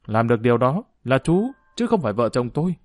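A man voicing a calm, steady middle-aged husband in an audiobook. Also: mid-range voice, fairly quick, no echo, close to an everyday voice. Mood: earnest.

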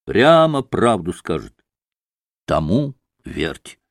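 A man voicing an earnest, devout young woman in an audiobook drama, her words low and quiet. She speaks with heartfelt conviction, and the recording is dry and close. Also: very animated, slow, dry recording, heavily acted. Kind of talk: audiobook character reading.

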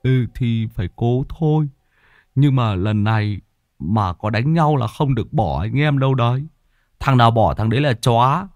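A man's voice: mid-range voice, lively intonation, moderate pace, no echo, studio quality, lightly acted. A man voicing a brash middle-aged exorcist who gives blunt orders. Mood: gruff. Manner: blunt, commanding.

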